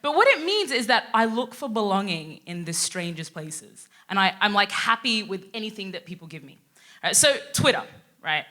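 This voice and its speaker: A young woman from Australia, telling stories on a live stage in an animated way, laughing often and asking "right?" along the way. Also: medium pitch, normal speed. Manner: animated, laughing, frequent tag questions. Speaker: guest speaker. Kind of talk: live stand-up storytelling. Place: theatre stage before an audience.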